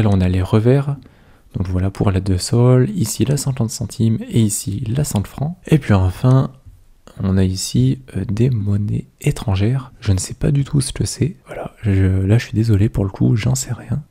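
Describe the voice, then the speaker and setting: Man, low voice, warm and mellow, casual hesitant commentary, lots of fillers. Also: gravelly, breathy edge. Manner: hesitant, many fillers, thinks aloud. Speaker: coin collecting video host. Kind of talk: casual commentary over coin photos.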